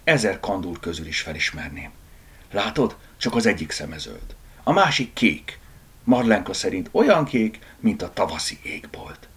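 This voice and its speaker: A man's voice: lowish voice, big pitch swings, a bit bright, husky, full character voice. A man voicing a bold, determined house cat who talks firmly, often in a whisper.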